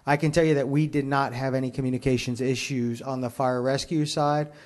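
At a public meeting, a fire chief answers questions, explaining his points formally in measured phrases. His mid-range voice is steady and somewhat dark in tone.

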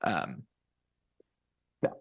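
A man's voice: extremely slow, fairly bright tone. A man board member speaking hesitantly at a public meeting, with many ums and restarts.

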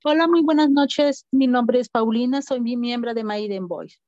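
High-voiced woman calling in by phone. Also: darkish tone, no room sound. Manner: halting with fillers, pleading and emphatic. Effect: call-in audio over a phone line. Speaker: public comment caller. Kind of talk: earnest public plea. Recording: dull lo-fi phone-line audio.

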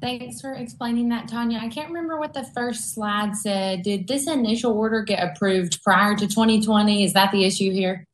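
A woman's voice: mid-range voice, steady tone, normal speed, few pauses. A woman commissioner asking questions informally at a meeting. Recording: echoey room, faint noise.

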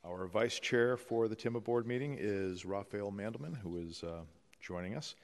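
A man chairing a formal public board meeting, speaking in a measured, procedural way with frequent "uh" and "um". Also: lowish voice. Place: large legislative chamber. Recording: long reverb of a large chamber.

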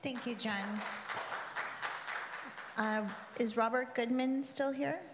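A woman's voice: a little high, steady tone, takes it slowly. A woman chairing public comment, making informal procedural announcements and calling names. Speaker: meeting chair or clerk calling speakers. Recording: echoey chamber with background noise.

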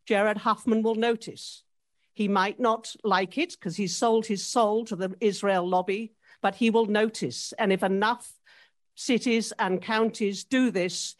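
A woman giving an impassioned, urgent public comment at a county board meeting. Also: mid-range voice.

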